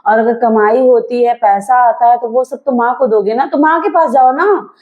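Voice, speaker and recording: A woman with a fairly high voice argues sulkily and sarcastically as a wife in a scripted family comedy skit. The recording is dull and lo-fi, like home video. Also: moderate pace. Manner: sulky, sarcastic arguing.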